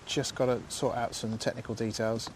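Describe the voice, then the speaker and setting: A man's voice: medium pitch, little pitch movement, normal speed, slight background noise. Chatty man hosting outdoors. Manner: chatty, thankful, rambling with fillers. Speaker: livestream host. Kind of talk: casual live commentary. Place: outdoors in a field.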